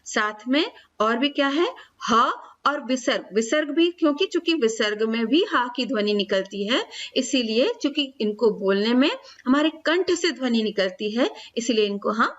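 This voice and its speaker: A woman grammar teacher with a fairly high voice explains pronunciation to children step by step. She speaks each sound aloud slowly and repeats it. The recording is dull and lo-fi. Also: a bit bright, far from the mic. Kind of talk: classroom explanation for schoolchildren.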